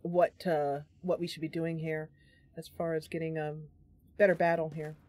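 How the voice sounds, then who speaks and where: A woman with a low voice hosts a casual livestream of a fantasy role-playing game, talking through her play at normal speed in a chatty, animated way. She also reads bits of the story aloud as narration. There is no room sound.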